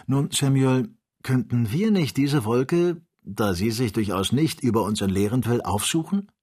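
A man voicing a blunt male hunter companion who exclaims briskly, in an audiobook reading. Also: medium pitch, expressive, a little mellow, slightly rough, voice pushed up. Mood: asking.

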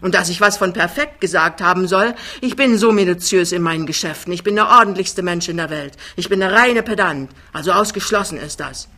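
A woman's voice: fairly low pitch, a little fast, few pauses. A woman voicing a big, cheerful man who talks his way out of everything, in an audiobook reading. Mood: breezy denial. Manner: breezy, loud, smooth-talking. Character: big cheerful male giant, glib charmer.

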